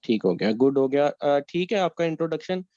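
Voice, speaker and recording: A man's voice: fairly high pitch, lively intonation, brisk, dark tone, no echo. A man coaching candidates in a mock interview over a video call, giving corrections. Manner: instructive, gives corrections. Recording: muffled online call audio.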